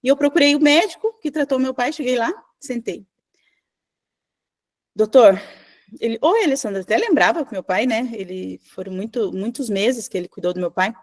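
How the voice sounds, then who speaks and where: A middle-aged woman, teaching an informal online class in a chatty, animated way, with asides to the class. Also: on the high side, fairly quick, few pauses. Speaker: spiritual teacher.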